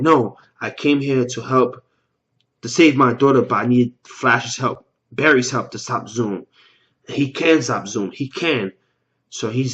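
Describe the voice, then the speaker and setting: A man's voice: medium pitch, highs cut off. A man casually recapping a TV episode, rambling, stumbling over words and repeating himself, with loose slangy talk. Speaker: TV episode reaction vlogger.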